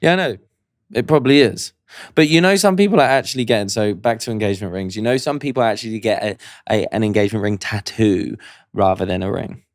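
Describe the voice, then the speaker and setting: A man in his mid-twenties, co-hosting a podcast in casual chat. He is playful and teasing and breaks into excited outbursts. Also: fairly low pitch, fast talker, dry recording, studio quality. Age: 20s. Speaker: podcast co-host.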